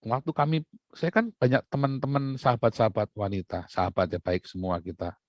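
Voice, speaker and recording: A middle-aged man preaching a sermon, telling family stories with animated rises and soft low asides. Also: a little fast, no echo. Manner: animated storytelling, rising loud when recounting fights.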